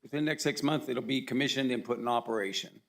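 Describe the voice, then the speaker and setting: A hoarse man with a gravelly voice, reporting to a county commission in a halting, formal manner with many fillers. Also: medium pitch. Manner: halting, with frequent uh and um. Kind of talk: formal public meeting report. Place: county commission meeting room.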